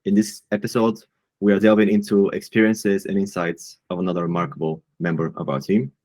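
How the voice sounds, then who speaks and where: Low-pitched male interviewer, polite, dry close mic. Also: level tone, brisk, a little mellow, no echo. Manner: polite, reads questions with hesitations. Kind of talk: scripted interview questions.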